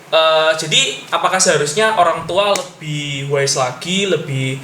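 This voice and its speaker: A man's voice: a little high, measured pace, pushed and bright, a little hiss or hum. A male host in casual interview chat, summarizing and prompting his guest. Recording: echoey room.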